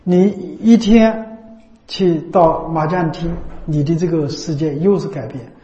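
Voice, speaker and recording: A man delivers a Buddhist dharma talk in a high, mellow voice, returning again and again to the same phrases and tagging points with rhetorical questions. The sound is roomy and a little dull. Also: a little slow. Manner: repetitive, asks frequent rhetorical tag questions. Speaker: Buddhist teacher. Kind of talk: dharma talk to a lay audience. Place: Buddha recitation hall. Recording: roomy, slightly dull recording.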